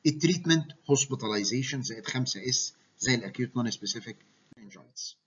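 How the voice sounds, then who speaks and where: A man's voice: medium pitch, animated, very fast, husky, dull audio. A man with an Egyptian Arabic accent giving a medical lecture, mixing English medical terms into his Arabic and often checking that students follow.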